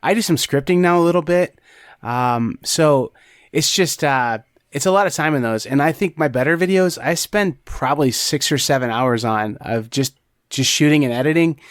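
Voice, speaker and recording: A man's voice: fairly high pitch, normal speed, dry recording, clean studio sound. A man co-hosting a board game podcast, talking casually and rambling with plenty of restarts. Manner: rambling, many restarts and fillers. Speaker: podcast co-host. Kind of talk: casual chat.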